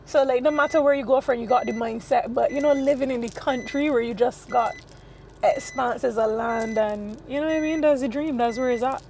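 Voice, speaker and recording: High-voiced woman in a car. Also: brisk, a little mellow, poor audio. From Barbados. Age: 30s. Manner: chatty, laughing, joking. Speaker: vlogger. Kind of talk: casual vlog chat while driving. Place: car on a road. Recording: road noise in a car.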